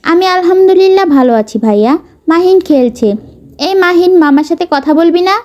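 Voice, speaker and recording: A woman's voice: very high-pitched, normal speed, lo-fi sound. Woman voicing a cheerful young sister. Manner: lively, affectionate.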